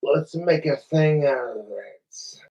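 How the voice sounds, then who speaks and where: A man's voice: a little high, expressive, slow pace, creaky, mellow. A man hosting a late-night livestream, rambling and swearing while he fights the hiccups. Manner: rambling and profane. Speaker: livestream host. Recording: distant, muffled lo-fi stream audio.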